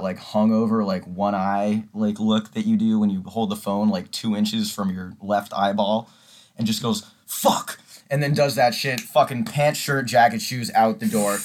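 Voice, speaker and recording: A young man co-hosting a podcast, telling a story casually and acting it out with swearing and laughter. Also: on the low side. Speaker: podcast co-host. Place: audio-only podcast recording.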